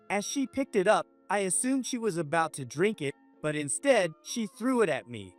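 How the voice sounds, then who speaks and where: Man narrating a story, slightly high voice. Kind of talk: scripted first-person story narration.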